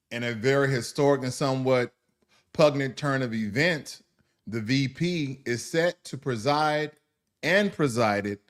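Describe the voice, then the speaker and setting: A man hosting a news commentary show, mixing read-out news with blunt, informal asides and mocking jokes. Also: medium pitch. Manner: mocking, laughs at his subject.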